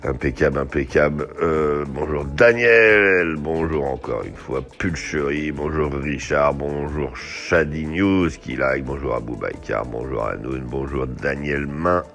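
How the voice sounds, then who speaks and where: A very deep-voiced man hosts a casual horse racing tips show, greeting viewers by name. His delivery is chatty, with sudden animated outbursts and slowly drawn-out horse names. Faint music plays underneath. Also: vocal fry. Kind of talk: live tipping show, reading viewer messages.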